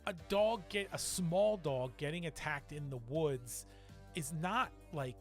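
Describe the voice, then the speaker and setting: A man's voice: fairly high pitch, unhurried, soft background music. A man co-hosting a movie review podcast, talking casually and wryly, often laughing. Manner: wry, sarcastic, laughs often. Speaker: podcast co-host.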